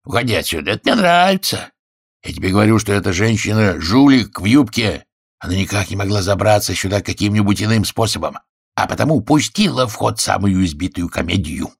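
A man's voice: fairly low pitch, sing-song, a little fast, creaky, slightly rough, no room sound, studio quality, heavily acted. A man voicing a flustered, indignant middle-aged husband who sputters and insists.

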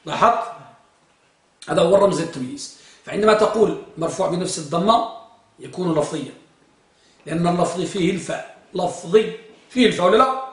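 A man's voice: sits high, fast, pauses often, fairly bright tone. A man teaching a grammar class, quizzing his students and repeating their answers. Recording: echoey room, far from the mic.

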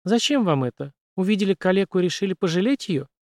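A man voicing a quick-tempered young woman who speaks bluntly and challenges others. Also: high-pitched, expressive, a little mellow, no echo, clean studio sound, pitched above the performer's own voice. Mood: subdued.

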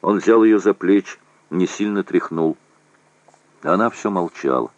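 A man giving a measured audiobook reading of a war novel. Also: low-pitched, dry recording. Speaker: narrator. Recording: dull, dry lo-fi recording.

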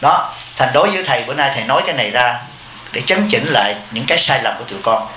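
Fast, bright-voiced Buddhist abbot. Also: male voice, mid-range voice, animated, reverberant, a little hiss or hum, poor audio. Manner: blunt, speaks of himself in the third person as teacher. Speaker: Buddhist monk and temple abbot. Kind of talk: informal dharma talk to disciples.

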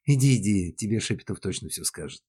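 A man's voice: fairly low pitch, lively intonation, quick pace, mellow, slightly rough. A man voicing Irina, a brash, impulsive woman passenger with a cheeky, whiny manner in an audiobook.

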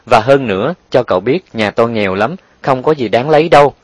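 A man reading an audiobook and voicing a poor, gentle old mother in a wheelchair, kindly and gently scolding. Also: medium pitch, expressive, a little fast, no room sound, natural voice. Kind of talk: audiobook character voice.

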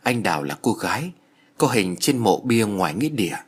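An awkward young man in an audio story hesitates before speaking, played by a man. The voice is husky and plain. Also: lowish voice, big pitch swings, fairly quick. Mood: hesitant.

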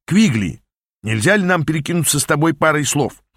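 A man's voice: a little high, animated, brisk, a bit bright, breathy edge, no room sound, clean studio sound, pitched above the performer's own voice. A man reading an audiobook, voicing a scheming male demon mentor who talks in a sardonic, grumbling way.

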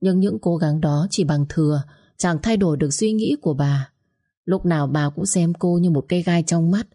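A woman reading a scripted family story as the narrator, in a steady, even way. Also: fairly low pitch, moderate pace.

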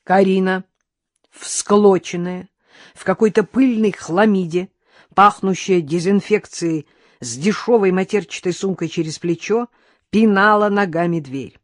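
A woman narrating a first-person audiobook in a lively, ironic storytelling manner. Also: medium pitch, unhurried, no echo, studio quality.

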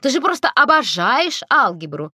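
A woman's voice: high-pitched, very animated, normal speed, pushed and bright, no room sound, studio quality, pitched above the performer's own voice, exaggerated voice. A woman reading as a curt, imperious grandmother. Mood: haughty. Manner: curt, commanding, sarcastic. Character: imperious sarcastic old grandmother, royal. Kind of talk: audiobook reading.

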